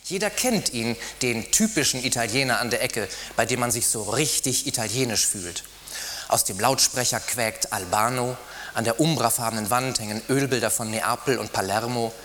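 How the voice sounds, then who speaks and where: A man's voice: mid-range voice, moderate pace, a bit bright, soft background music. A man giving a scripted satirical narration with a wry, ironic storytelling manner.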